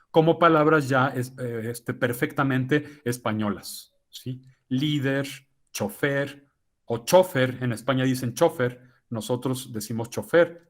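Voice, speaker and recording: A man giving a lecture to teachers, explaining points in a measured way and often tagging sentences with "¿no?". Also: medium pitch. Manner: measured and explanatory, with frequent "¿no?" tags. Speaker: guest lecturer speaking to teachers. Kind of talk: lecture answering a question.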